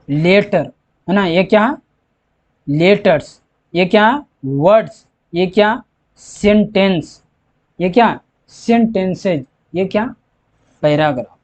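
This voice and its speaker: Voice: mid-range voice, darkish tone. An English teacher explaining grammar step by step, repeating each point and answering their own questions. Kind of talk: slow classroom explanation. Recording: dull lo-fi recording.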